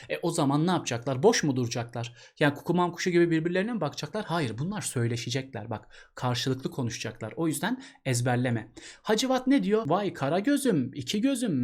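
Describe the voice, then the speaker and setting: In a slightly high voice, a man leads an exam-prep literature lesson chattily, throwing out rhetorical questions and treating the student like a buddy.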